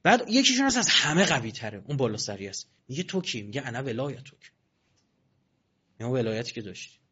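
A man giving a religious sermon in colloquial, animated speech with mocking asides. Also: mid-range voice, husky. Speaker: preacher. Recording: dull lo-fi recording.

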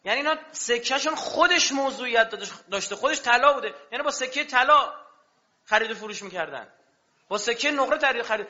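A man's voice: extremely high pitch, lively intonation, sharp tone. A man preaching a sermon with passion, throwing rhetorical questions at his audience. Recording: dull lo-fi recording.

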